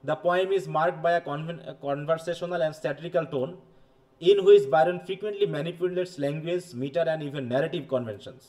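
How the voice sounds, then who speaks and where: A male teacher giving a classroom lecture, reading English passages slowly and stopping often to ask students if they follow. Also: a little high, a little mellow. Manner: explains slowly, reads English passages, checks understanding with questions.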